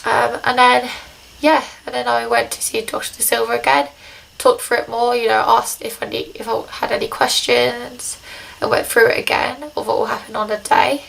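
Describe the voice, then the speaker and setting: Young girl doing a casual diary, blocked nose, bit breathless, highish creaky voice, rambles. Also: little pitch movement, moderate pace, a bit bright, slight background noise, poor audio. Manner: hesitant, rambling. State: recovering a day after nose surgery, short of breath. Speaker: video diarist recovering from nose surgery.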